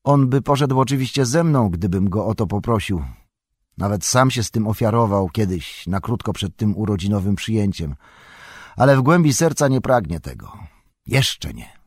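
A man voicing an irritable, possessive old male hobbit in an audiobook, in a higher, agitated voice. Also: expressive, breathy edge, dry recording, studio quality. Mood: wistful. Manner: higher, louder, quick and agitated. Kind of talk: audiobook character voice.

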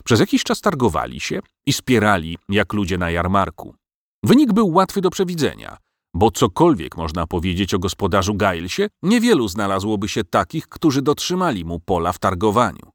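A man narrating a storybook in an expressive, measured way. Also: fairly low pitch, no room sound, studio quality.

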